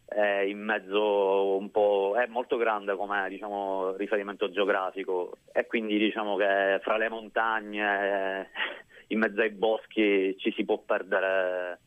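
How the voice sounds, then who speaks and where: Man, Sicilian accent, lowish voice, casual interview guest, hesitant phrasing, thin roomy phone sound. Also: level tone, slow. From Sicily, Italy. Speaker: musician guest on a radio show. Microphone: phone call. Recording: tinny phone line, roomy.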